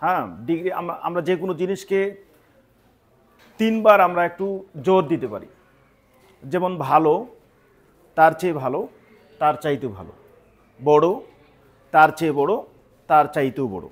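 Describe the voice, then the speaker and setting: A man's voice: a little high, moderate pace, pauses often. A man teaching English grammar, explaining step by step and often checking that listeners follow. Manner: patient, repeats points with check-in questions.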